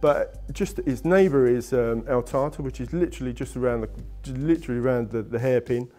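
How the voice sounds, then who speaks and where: In an indoor studio set with wooden walls and faint music behind him, a middle-aged travel company guest answers questions about ski holidays. His medium-pitched, dark voice moves fairly quickly, eager and salesy, with many restarts.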